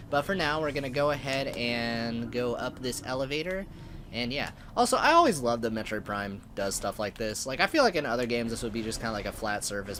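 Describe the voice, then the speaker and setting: A man's voice: mid-range voice, sharp tone, slight background noise. A man hosting a casual let's play, chatting upbeat and rambling with lots of fillers. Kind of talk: casual gameplay commentary. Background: game music.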